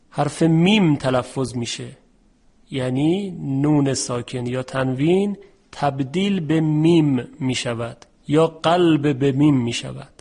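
A man teaching a Quran recitation lesson, explaining rules patiently and drawing out example words slowly. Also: medium pitch, a little mellow. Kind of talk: tajweed lesson.

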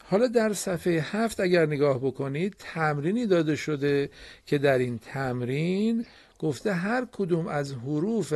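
A man teaches a broadcast reading lesson to children, explaining slowly and patiently and praising his pupils often. His voice is a little high and a little mellow.

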